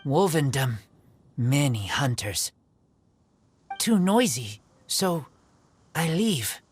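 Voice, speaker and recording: Wolf-raised boy, low, drawn-out, clipped phrases, gentle, video game, faint music. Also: big pitch swings, heavily acted. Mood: guarded, blunt. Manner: halting, clipped broken sentences.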